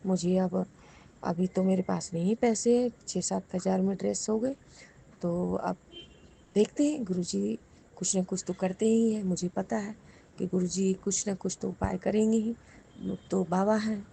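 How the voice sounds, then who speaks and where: A woman's voice: medium pitch, gravelly, warm tone, a little hiss or hum. A woman sharing a devotional testimony with the congregation, fervently and repeatedly giving thanks to her guru. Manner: addresses listeners directly as the congregation.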